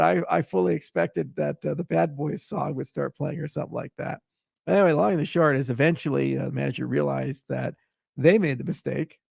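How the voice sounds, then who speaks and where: Gravelly-voiced man rambling through a story. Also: medium pitch, darkish tone, no echo, studio quality. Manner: rambling anecdotal storytelling with many fillers. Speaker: livestream host answering viewer questions. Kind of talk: casual livestream Q&A.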